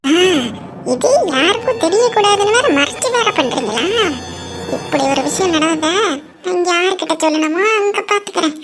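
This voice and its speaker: A woman's voice: very high voice, expressive, moderate pace, heavy background noise. A woman voicing a meddling, spiteful middle-aged aunt in a cartoon, speaking in a gossipy, sly way. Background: background music.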